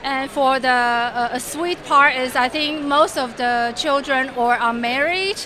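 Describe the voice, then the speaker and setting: A woman from Taiwan, speaking as an interview guest in a halting way and searching for words. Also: high-pitched, sharp tone. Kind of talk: casual chat. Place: busy exhibition hall. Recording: crowd noise of a busy expo hall.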